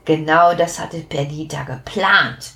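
A woman's voice: low voice, slow, sharp tone. A woman telling a playful bedtime story to children, speaking expressively and addressing them directly.

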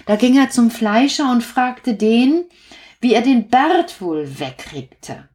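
Slow, gentle woman telling a bedtime story. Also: on the high side, expressive. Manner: slow, gentle, talks to the listening children. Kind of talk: reading a bedtime story to children.

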